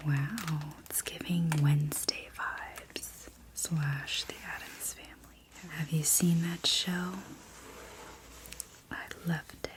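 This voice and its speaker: A woman in a whispered role-play as a library clerk, speaking in a soft, breathy library whisper with gentle customer-service manner. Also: low voice, steady tone, slow pace, poor audio. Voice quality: breathy, mostly unvoiced whisper. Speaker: ASMR performer playing a library clerk.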